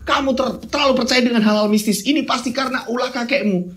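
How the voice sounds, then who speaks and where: Fretful, sharp-tongued young wife, raised pitch, played by a male narrator. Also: fast. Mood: complaining. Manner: complaining, pleading.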